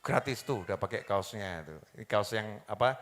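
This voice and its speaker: A man preaching a sermon. His pitch swings widely as he quizzes the crowd and mimics the people he quotes. His voice is bright and forceful, and a long echo trails it through a big hall. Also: brisk. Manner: animated, asks the audience questions and acts out quoted people.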